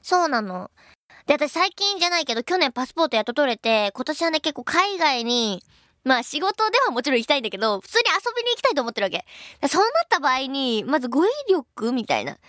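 A woman's voice: sits high, big pitch swings, fast talker, pushed and bright, no echo, studio quality. A young woman hosting a radio show, chatting casually and reading listener mail in a bubbly, self-deprecating way. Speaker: radio host.

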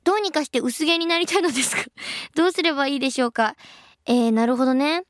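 A young woman in her twenties hosting a radio show, reading listener letters and answering them in a chatty, playful way, her voice a little husky. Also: sits high, fast, dry recording. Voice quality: a bit husky, by her own account. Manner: lively, chatty and playful, laughs at her own slips.

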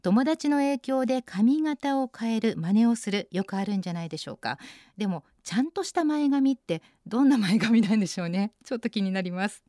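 A woman hosting a radio segment, reading out listener posts and adding bright, chatty comments on each one. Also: on the high side, animated, a little fast, dry recording, clean studio sound. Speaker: radio host.

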